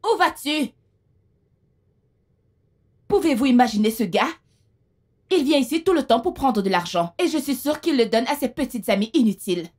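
A woman dubbing a young wife who is also a bossy, sharp-tongued older sister in a film, prone to scolding and mocking. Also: high-pitched, expressive, normal speed, long pauses. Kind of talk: French film dub.

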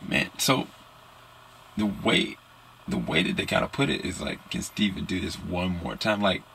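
A man in his thirties with a hoarse, congested voice, chatting casually to camera as a reaction video host. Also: sits low, pushed and bright, a little hiss or hum. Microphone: headset.

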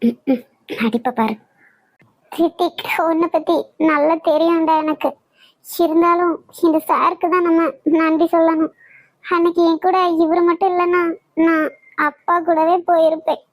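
A woman's voice: very high voice, steady tone, moderate pace, long pauses, no echo. A woman voicing a spirited young woman in a cartoon, with a Kanyakumari Tamil accent. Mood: teasing. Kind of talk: cartoon voice acting.

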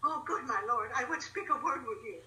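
A woman's voice: high voice, expressive, fairly quick, pushed and bright, heavily acted, poor audio. A woman reading the part of a loyal, outspoken lady's maid in an online Shakespeare reading, with emphatic, impassioned delivery. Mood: pleading. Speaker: reader in an online play reading. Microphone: video call.

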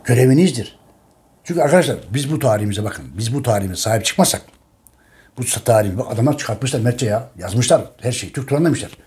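A man's voice: medium pitch, lively intonation, fast talker, darkish tone. A man in an impassioned monologue to his viewers, emphatic and urgent, repeating phrases and pleading with listeners. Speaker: channel host presenting his history book.

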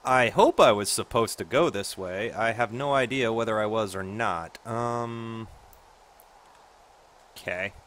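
A man's voice: lowish voice, a little slow, fairly bright tone. A man in his forties casually commenting on gameplay with sarcastic, self-deprecating asides. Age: 40s. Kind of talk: casual let's-play commentary.

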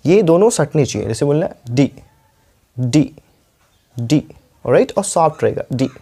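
Man teaching pronunciation, dark warm voice. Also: fairly high pitch, big pitch swings. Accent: Indian. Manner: repeats words slowly, checks in with "clear?" and "alright". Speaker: English teacher. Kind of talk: spoken English lesson in Hindi.

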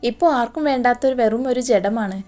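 A caring middle-aged mother speaks in a gentle, soothing way, as a woman storyteller voices her. The voice is fairly high for a woman. Soft music plays faintly underneath. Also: fast talker, close to an everyday voice.

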